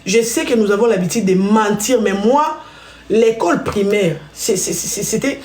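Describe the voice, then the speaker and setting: At a moderate pace and medium pitch, with a slightly mellow tone, a woman from Congo (DRC) hosts a relaxed live-stream chat. She addresses viewers directly and tells stories, and the audio is reverberant.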